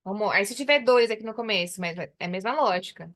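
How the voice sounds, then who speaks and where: A woman from Brazil teaching an English lesson, explaining patiently and slowly repeating English phrases. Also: mid-range voice, fairly bright tone. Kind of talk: online English lesson in Portuguese.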